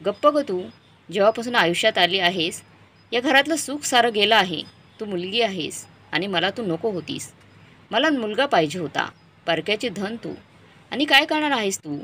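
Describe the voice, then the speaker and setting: A woman's voice: medium pitch, lively intonation, moderate pace. Woman voicing an angry, scornful husband. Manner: harsh, shouting, scornful. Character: angry middle-aged husband and father.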